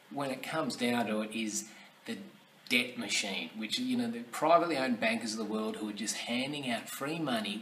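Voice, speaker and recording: A man's voice: medium pitch, fairly bright tone. A man with an Australian accent talks through his views in a loose, rambling way, full of blunt swearing and filler words. He sits a little back from the mic in an echoey room, with a faint hiss of background noise. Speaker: vlogger. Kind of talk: casual opinion monologue. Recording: roomy sound, somewhat distant from the mic.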